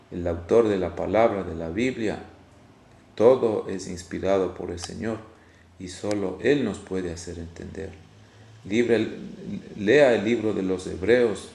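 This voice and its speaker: A low, gravelly-voiced Ecuadorian man preaching a video sermon. He speaks haltingly, restarting phrases and repeating his words. His voice rings in an echoey room over a faint hiss of noise. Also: darkish tone. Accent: Ecuadorian Spanish. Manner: halting, repeats words, frequent "Gloria a Dios".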